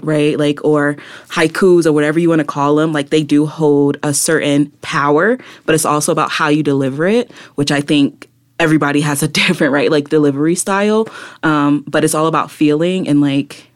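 A young woman poet talking casually as an interview guest, relaxed and full of "like" and "kinda" fillers. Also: deep voice, normal speed. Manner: relaxed, many fillers like "kinda" and "like", laughs easily. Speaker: guest, poet and social worker.

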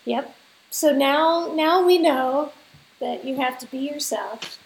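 A woman hosts a podcast interview, speaking slowly and casually in a high voice with a gravelly edge. She laughs readily. Her voice rings in a roomy space with a faint hiss underneath. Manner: slow and relaxed, laughs easily. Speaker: podcast host.

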